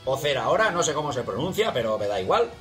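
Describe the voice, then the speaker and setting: A man with a Spain accent commentating his own video game match, excitable and yelling at the action. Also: medium pitch, quick pace. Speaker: gaming channel host. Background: game music.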